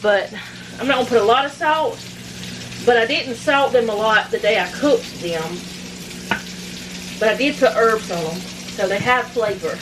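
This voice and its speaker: A middle-aged woman with a fairly high voice talks at a moderate pace with long pauses, rambling casually as she cooks supper at home. Her cook-along chat is dotted with self-deprecating asides. There's background noise, including the loud sizzle of frying food.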